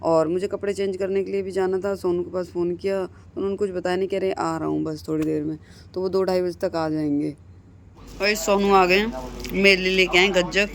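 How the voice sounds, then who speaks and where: A woman with a Hindi accent and a lowish, steady voice chats briskly with her viewers, calling them "guys" while she cooks in her home kitchen. It's a casual vlog filmed on a phone camera, so the recording is noisy.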